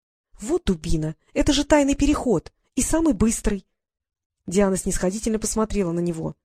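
Bossy fairy girl voiced by a woman reader, brisk, condescending, dry close sound. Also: mid-range voice, dry recording, close to an everyday voice. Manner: condescending, lively. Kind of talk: audiobook character reading.

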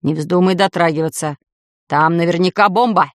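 A woman voicing a blustering, cowardly middle-aged man who shouts in panic and turns to sarcastic cheer, in a storybook reading. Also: lowish voice, normal speed, dry recording, clean studio sound, pitched below the performer's own voice, natural voice. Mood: panicked.

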